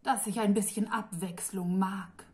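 A woman's voice: medium pitch, fairly even intonation, a little slow, natural voice. A woman reading the part of an arrogant male devil with three tongues, smug and patronizing.

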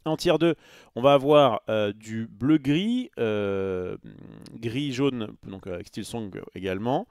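A man's voice: medium pitch, lively intonation, takes it slowly, darkish tone, smooth, no echo. Guy streaming, rambly, lots of euh and restarts, dry close sound. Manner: rambling, lots of fillers and restarts, reads out chat. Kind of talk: casual live-stream chat.

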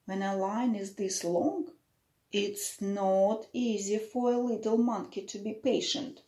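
In a small, plain indoor room, a middle-aged woman reads a picture book to young children, explaining it simply and asking them questions. Her mid-range voice is mellow and steady, and she goes slowly.

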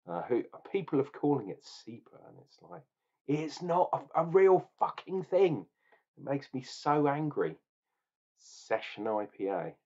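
A man's voice: medium pitch, darkish tone. A man in his forties reviewing a beer at home, talking casually to a webcam in an opinionated, rambling, jokey way. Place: small room at home, indoors. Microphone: webcam at desk. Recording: dull lo-fi webcam sound.

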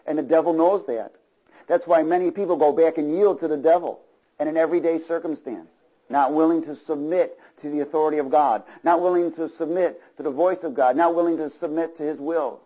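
A man's voice: fairly high pitch, fairly even intonation, a little fast, dark tone, muffled recording. A man preaching a sermon to a congregation, with rhythmic repeated phrases and frequent checks for agreement. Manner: asks the congregation for call-and-response agreement. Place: church before a congregation.

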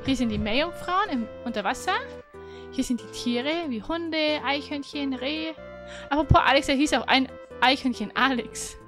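At normal speed and with a fairly bright, high voice, a woman chats informally as a gaming stream co-host. Game music plays in the background while she recaps the game and makes casual conversation.

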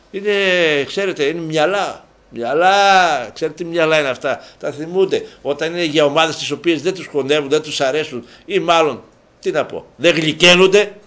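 A man's voice: fairly high pitch, fairly bright tone. A man hosting a local sports show, ranting about football refereeing, indignant and sarcastic, swearing and restarting his sentences. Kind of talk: heated football commentary monologue.

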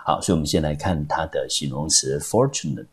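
Man, very deep voice, husky, patient English teacher. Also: brisk. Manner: patient, explains step by step with many fillers. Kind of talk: vocabulary lesson.

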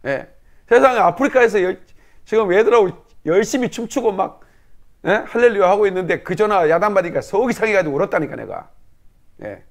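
A man's voice: high-pitched, lively intonation, a little fast. A middle-aged man, a pastor, praying fervently with declarations and then telling a personal story in a chatty sermon style.

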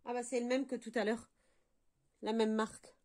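A woman's voice: fairly high pitch, little pitch movement, moderate pace, darkish tone. A middle-aged woman from France chatting casually as she unboxes beauty products, full of enthusiastic exclamations. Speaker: beauty vlogger.

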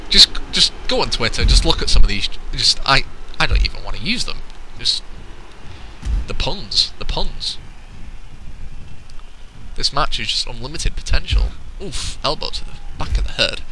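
A man commentates a wrestling bout in a jokey, excitable way, groaning and cheering at each slam. His voice is sharp and bright, sitting at an everyday pitch. Faint background noise sits under his voice. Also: moderate pace, pauses often, rough recording. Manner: excitable, punning, goofy exclamations. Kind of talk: playful play-by-play commentary.

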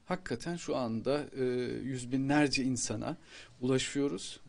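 A man's voice: mid-range voice, normal speed, creaky, noisy background. A man in his fifties gives a news interview as an institute president, into a handheld microphone. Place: green-screen studio.

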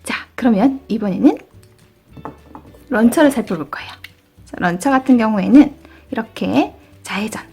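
A woman's voice: fairly high pitch, lively intonation, normal speed, pauses often, a little mellow, husky, faint music behind. A woman hosting a children's toy show, presenting in a showy, exclaiming way with playful sound effects, like a kids' party entertainer. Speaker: children's toy channel host.

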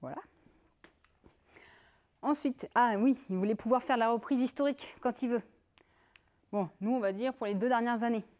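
Lively woman giving a tech talk. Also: on the high side, normal speed, long pauses. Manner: lively, conversational, with many fillers and asides. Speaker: conference speaker. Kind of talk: technical conference talk.

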